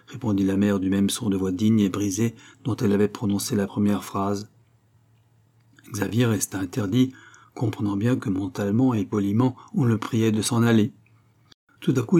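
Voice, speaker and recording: A man narrating a classic novel in a steady, literary reading style. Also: fairly low pitch, moderate pace, breathy edge. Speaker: audiobook narrator. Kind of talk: scripted narration.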